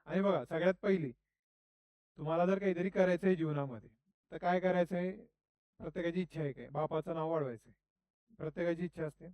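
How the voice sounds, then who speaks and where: A man's voice: on the high side, steady tone, a little fast, pauses often, a little mellow, dry recording. A middle-aged man teaching a class in a classroom, chatty and constantly asking students questions. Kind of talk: classroom lecture.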